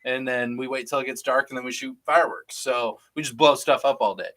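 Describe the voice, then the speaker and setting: Bright-voiced teasing man, casual banter. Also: medium pitch, steady tone, brisk, poor audio. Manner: teasing, joking, reads viewer comments aloud. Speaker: co-host of a live rum show. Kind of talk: casual live-stream banter.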